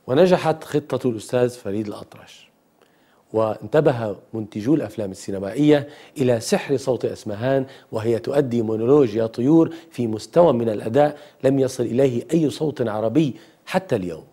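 Warm-voiced male music presenter. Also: mid-range voice, husky. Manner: measured, analytical, explanatory. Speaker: host and presenter. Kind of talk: scripted documentary narration.

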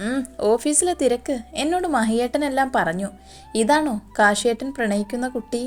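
A woman's voice: a little high, normal speed, faint music behind, natural voice. Woman voicing a cheeky teasing little sister. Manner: teasing, mocking banter.

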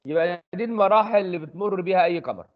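A man's voice: high-pitched, phone-quality sound. A man with an Egyptian accent giving a casual engineering lecture, asking himself questions and answering them. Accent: Egyptian Arabic. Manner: quick, chatty explaining with rhetorical questions. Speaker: engineering tutor. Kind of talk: recorded section lecture.

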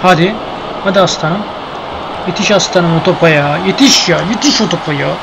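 A young man talks through a football video game live, frustrated and grumbling at every missed chance. His voice sits high, and a steady noise hums underneath the recording. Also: a little fast. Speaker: gameplay streamer. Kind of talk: live gameplay commentary.

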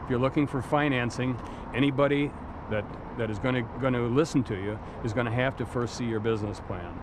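A man's voice: medium pitch, fairly quick. A middle-aged man giving blunt, emphatic business advice in an outdoor interview on a waterfront pier. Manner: blunt, emphatic, repeats words. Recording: outdoor traffic noise behind.

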